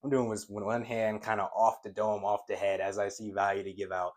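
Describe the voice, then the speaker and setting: A man's voice: lowish voice, a little fast. A man teaching trading at a whiteboard in a casual way, who stutters and talks straight to his viewers. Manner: stutters when excited, talks to viewers as guys. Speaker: trading coach.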